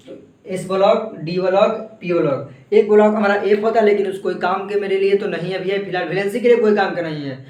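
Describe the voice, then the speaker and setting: A man with a fairly high voice delivers a chemistry lesson, walking through examples one step at a time. He keeps firing rhetorical questions at his students and answering them himself. The mic sits away from him in a roomy, echoing space. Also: a little mellow. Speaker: chemistry teacher. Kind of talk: classroom lecture. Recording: echoey room, voice from a distance.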